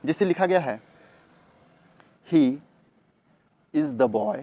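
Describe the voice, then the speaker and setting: A man gives a classroom grammar lesson and repeats each point, asking a question and then answering it. His voice sits a little high for a man. The recording is dry and close, with no room sound. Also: big pitch swings, drawn-out words, gravelly, mellow, no room sound. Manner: repetitive, asks rhetorical questions then answers them. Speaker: English grammar teacher.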